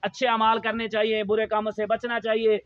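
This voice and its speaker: A man's voice: high-pitched, completely flat delivery, muffled recording. A man teaching children a Quran reading lesson, drawing them into call-and-response and leaving sentences for them to finish.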